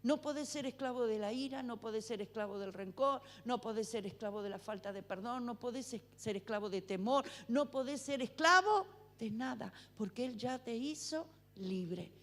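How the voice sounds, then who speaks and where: Fervent high-voiced woman preaching. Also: moderate pace, hardly any pauses. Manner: fervent, rising to shouts, repetitive exhortation. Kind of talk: sermon. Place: church sanctuary.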